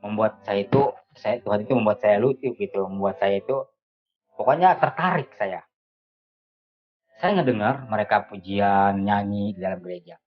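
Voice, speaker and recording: A man telling his personal testimony to a church audience, animated and repeating phrases for emphasis. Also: lowish voice, moderate pace, muffled recording.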